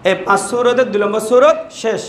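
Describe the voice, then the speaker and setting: A Quran teacher with a strikingly high voice leads a call-and-response class, drawing each syllable out slowly in a sing-song recitation for students to repeat. The room echoes, and a steady noise runs in the background.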